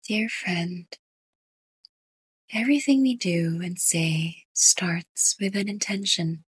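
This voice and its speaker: A woman guiding a sleep meditation in a soft, breathy whisper. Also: fairly low pitch, no echo. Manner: slow, soft whispered delivery. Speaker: meditation guide.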